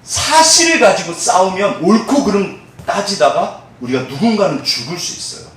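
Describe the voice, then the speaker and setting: A man preaching a sermon as pastor, lively and expressive, acting out the voices of church members and dropping to hushed tones when he prays. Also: high voice, moderate pace. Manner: animated, acts out quoted voices of church members; drops to soft, hushed tones in prayerful moments. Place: church sanctuary. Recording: echoey church hall, mic at a distance.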